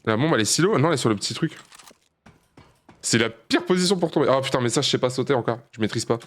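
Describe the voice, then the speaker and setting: A man streaming a shooter game live, commenting as he plays, swearing often and mocking himself, with sudden high-pitched outbursts between calmer, low muttering. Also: racing.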